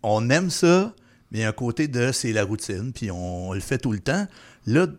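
A man's voice: mid-range voice, animated, moderate pace. A man hosting a radio interview, asking long, winding, conversational questions. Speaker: radio show host.

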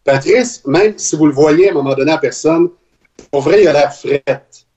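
A man's voice: on the high side, normal speed, warm tone. A man with a Québécois French accent telling a story in casual podcast chat. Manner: chatty storyteller. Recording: slightly dull lo-fi sound.

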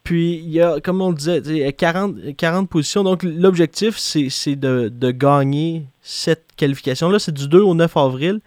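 A Québécois man hosts a casual podcast in a slightly high voice, chatty and full of little hesitations. The sound is close and dry, with no room around it. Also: normal speed, few pauses, darkish tone, no echo. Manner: chatty, hesitant with many fillers. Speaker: podcast host. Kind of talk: casual boxing podcast chat.

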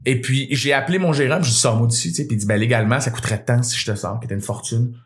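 A man's voice: mid-range voice, very fast. A man with a Québécois accent, a comedian telling a story on a podcast with lots of swearing. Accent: Québécois French. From Quebec. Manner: animated, profane storyteller. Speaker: comedian guest.

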